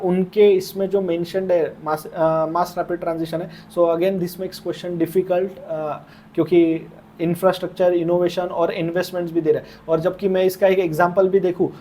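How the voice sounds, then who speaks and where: A man's voice: high-pitched, mellow. A man explaining exam answers as a coach, hesitant and thinking aloud with many fillers, mixing Hindi and English.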